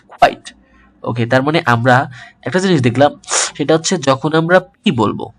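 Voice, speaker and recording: A man teaching a pronunciation lesson, asking questions and repeating each word. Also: mid-range voice. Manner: drills words by asking and repeating them.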